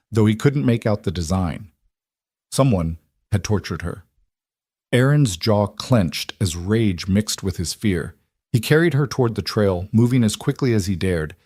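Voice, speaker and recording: Low-voiced male story narrator. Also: a little mellow, dry recording, studio quality.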